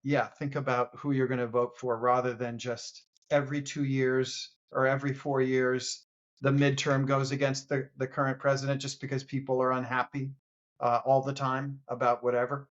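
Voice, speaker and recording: A male podcast guest argues earnestly in a casual political debate, speaking haltingly and often restarting. His voice is medium-pitched with little pitch movement, and the recording sounds muffled.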